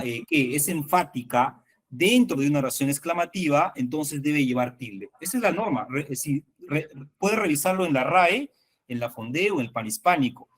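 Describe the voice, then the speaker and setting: Man lecturing over a video call. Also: fairly high pitch. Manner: explains patiently, often asks the class for agreement. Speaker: teacher. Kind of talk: online workshop lecture.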